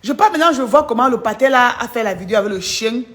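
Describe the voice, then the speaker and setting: A woman's voice: on the high side, lively intonation, fast, a bit bright. A woman doing mocking gossip commentary on a live stream, teasing and laughing as she chats to viewers. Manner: teasing, laughing often, chatty asides to viewers.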